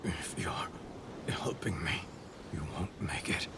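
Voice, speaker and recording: A man's voice: low voice, big pitch swings, a little slow, far from the mic, very noisy, heavily acted. A man playing a stern, determined martial arts hero in an anime dub. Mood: weak, concerned.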